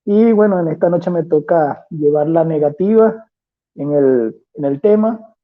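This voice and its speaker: Venezuelan man, debater, devout, blessing-filled greeting, slightly high voice, tinny phone-like audio. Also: unhurried. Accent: Venezuelan Spanish. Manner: warm, devout, with frequent blessings.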